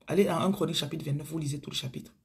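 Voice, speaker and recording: A woman with a Cameroonian accent speaks in a deeply husky, breathy voice. She preaches to her viewers over a phone stream in a chatty way. Her voice often sinks into low murmurs and whispers. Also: steady tone, rapid-fire, a little mellow. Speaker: spiritual coach on a live stream.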